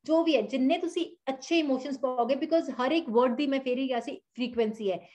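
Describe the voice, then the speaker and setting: Earnest Punjabi-accented woman, slightly high pitch, for a self-help lesson with hesitant pauses. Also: darkish tone. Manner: earnest, repeats points, many "uh" hesitations. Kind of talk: instructional talk mixing Punjabi and English.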